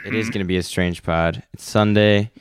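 Low-voiced congested man, casual podcast chat. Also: fairly even intonation, moderate pace, clear, resonant tone, dry recording. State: congested sinuses. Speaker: podcast host.

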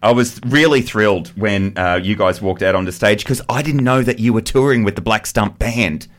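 A man hosting a radio show, chatting eagerly and gushing with excitement. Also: on the low side, normal speed. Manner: excitable, gushing, laughs often. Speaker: radio host. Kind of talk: enthusiastic casual radio chat.

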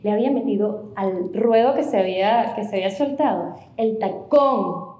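A woman's voice: mid-range voice, moderate pace. A young woman, telling a story in a casual interview, acting out voices and laughing often. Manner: animated, acts out quoted voices, laughs often. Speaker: interview guest. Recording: echoey room.

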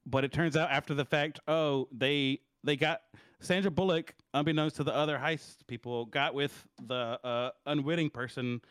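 A man's voice: a little high, fairly even intonation, normal speed, fairly bright tone, smooth, dry recording. A man co-hosting a casual movie review podcast, rambling and profane, checking in with "right?" as he goes. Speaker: podcast co-host.

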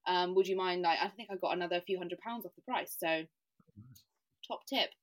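This English woman speaks at a normal speed with a fairly low voice. It's relaxed podcast conversation, where she's the guest who says "like" a lot and makes self-deprecating jokes.

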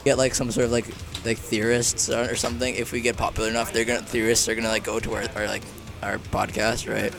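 A man's voice: on the low side, little pitch movement, fast, vocal fry, over music. A young man co-hosting a podcast in casual banter, rambling and teasing with lots of fillers. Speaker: podcast co-host.

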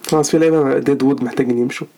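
Male podcast co-host, Egyptian Arabic accent, very rapid casual sports banter, gravelly edge, repeats himself to drive points home. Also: mid-range voice, fairly even intonation, mellow. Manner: repeats phrases for emphasis.

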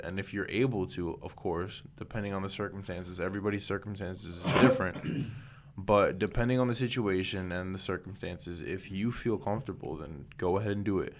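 A man co-hosting a casual podcast, earnestly laying out his opinions. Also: sits low. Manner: earnest, opinionated, lays out arguments. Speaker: podcast co-host.

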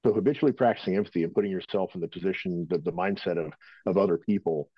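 Man, interview guest, very low voice, rambling, dry muffled recording. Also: big pitch swings, rapid-fire, vocal fry, no echo. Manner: rambling, filler-heavy, conversational. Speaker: interview guest, firearms instructor. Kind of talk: casual spoken interview answer. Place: at home.

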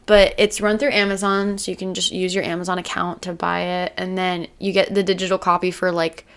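A woman's voice: lowish voice, flat delivery, a little fast, a bit bright, clean tone. Chatty woman retelling a comic plot. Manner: rambling retelling, acting out quotes. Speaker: podcast co-host. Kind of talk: casual chat summarizing a comic.

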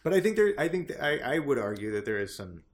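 A man co-hosting a podcast, chatting casually with wry, skeptical remarks and quick interjections. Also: mid-range voice, big pitch swings. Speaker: podcast co-host. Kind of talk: casual chat.

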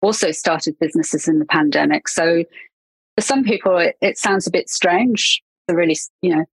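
A middle-aged Englishwoman, a marketing consultant appearing as a podcast guest, chats casually in a husky, fairly low voice at normal speed. She laughs often and trails off with fillers and restarts, in a dry recording with poor audio.

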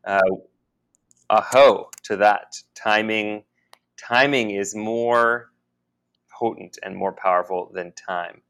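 A man co-hosting a podcast, talking in a halting, musing way with many restarts. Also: lowish voice, fairly even intonation, fairly bright tone. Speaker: podcast co-host. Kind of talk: casual spiritual conversation.

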